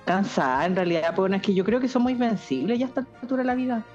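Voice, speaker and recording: A woman's voice: mid-range voice, very fast, darkish tone. A young adult woman with a Chilean accent, chatting casually as a podcast co-host, joking and rambling in heavy slang. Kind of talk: casual chat. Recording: dull lo-fi sound with faint music.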